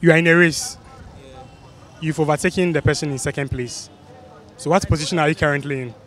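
Street quiz host: young man, West African Ghanaian accent, lightish higher voice, handheld mic outdoors. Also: fairly even intonation, a little fast, crowd noise. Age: young adult. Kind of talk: street interview, repeated quiz questions. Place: busy outdoor spot under a city flyover. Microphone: handheld microphone.

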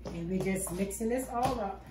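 Here an older woman with a medium-pitched voice speaks at a normal speed, with background noise present. She's hosting a homey cooking video, calmly explaining each stage in her kitchen. Recorded by a far-off counter camera, the sound is roomy and distant.

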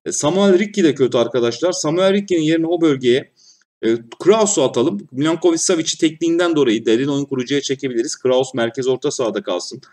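Excitable man calling his football sim. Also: on the high side, fast talker, far from the mic. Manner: excitable, shouts at goals, grumbles at mistakes. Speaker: gaming YouTuber. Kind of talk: football manager let's play commentary.

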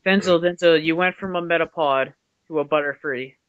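A man's voice: a little high, fairly quick, a bit bright, clean tone, highs cut off. A young man making mock-serious jokes in a casual group call. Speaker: commentary co-host.

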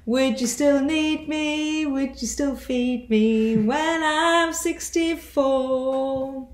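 A fifty-year-old woman sings a song in her home kitchen, breaking off for joking asides, all caught on a close-up home camera during a playful video call. Her voice is high and extremely slow, the room echoes, and faint music plays behind her.

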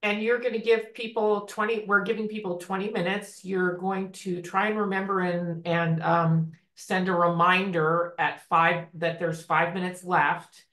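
A woman's voice: on the low side, level tone, measured pace, hardly any pauses, fairly bright tone. A woman co-organizing an online meeting, explaining the timing plainly with some fillers. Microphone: video call. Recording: roomy echo on call audio.

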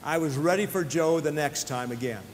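A man with a slightly high voice speaks earnestly to athletes and weaves personal stories into a faith-based talk. He often restarts his phrases and leans on small fillers. The recording carries a long hall reverb and a faint low rumble underneath. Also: moderate pace.

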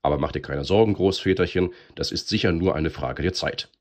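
A man's voice: low-pitched, brisk, natural voice. A man voicing a cheerful, mischievous gnome father who teases and whispers in a storybook reading. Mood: reassuring. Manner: giggling, teasing, often whispering.

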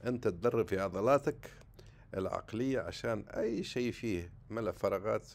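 A man teaching English vocabulary for an exam, casual and chatty, saying the English words slowly and clearly. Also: on the low side, lively intonation, very noisy. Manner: casual, chatty, jumps between Arabic and English, slow deliberate English words. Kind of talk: casual exam-prep lesson.

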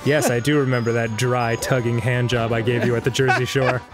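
A man's voice: mid-range voice, little pitch movement, brisk, loud music behind the voice. A man co-hosting a let's play, rambling through stories and laughing often. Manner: rambling storyteller, laughs often, mock-sings. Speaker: co-host. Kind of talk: let's play commentary, casual chat.

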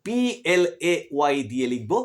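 A man with a Bengali accent teaching English grammar in an online class, asking his students questions and answering them himself. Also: brisk. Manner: lively, rises and drops sharply in pitch, asks questions then answers them.

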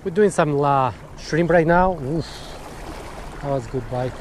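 Speaking in an unhurried, rather high voice, a middle-aged fishing vlogger chats with viewers, whom he calls "guys," from a rocky jetty on a sea beach, getting excited when fish bite. The low-quality recording comes from a chest-mounted action camera by the surf, thick with loud waves and wind.

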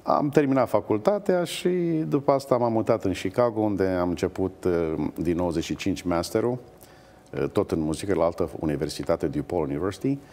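A middle-aged man, an opera singer, telling stories with hesitations in a TV interview. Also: low voice. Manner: animated anecdotes with hesitations. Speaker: guest, opera bass-baritone. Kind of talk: storytelling in a TV interview.

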